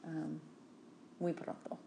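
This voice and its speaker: Female podcast host, unhurried and mellow, faint room noise behind. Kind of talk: casual podcast conversation.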